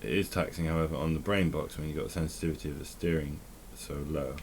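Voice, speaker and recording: A man talks through his gameplay in a deep, low voice, thinking aloud and correcting himself as he goes. A faint hiss sits under the recording. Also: fairly even intonation, quick pace. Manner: rambling, self-correcting, thinking aloud while playing. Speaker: tech vlogger. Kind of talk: casual gameplay commentary.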